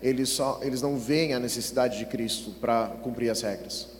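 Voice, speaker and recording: A man's voice: mid-range voice, fairly even intonation. Man interpreting a sermon in a hall. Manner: quick, fluent, with small restarts. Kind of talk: live consecutive interpreting. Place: large church. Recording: echoey church hall with faint noise.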